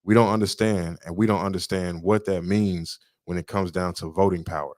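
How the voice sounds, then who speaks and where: A man with a low, darkish voice speaks briskly and with fairly even intonation, recorded cleanly in a studio with no echo. As a podcast co-host in a casual political chat, he lectures emphatically and keeps repeating his points.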